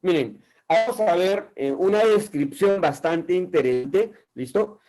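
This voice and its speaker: A man's voice: high-pitched, expressive, mellow, faint music behind, low-quality recording. A man with a Peruvian Spanish accent teaching a literature class to exam students, checking in with the class after nearly every phrase. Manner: keeps asking "¿listo?" and "¿no?"; reads poetry aloud slowly. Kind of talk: online exam-prep class.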